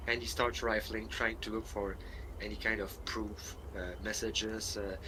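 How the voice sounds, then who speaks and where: A man's voice: on the low side, little pitch movement, unhurried. Rambling man on a noisy line. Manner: casual, rambling with fillers. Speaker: player. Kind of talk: in-character roleplay narration.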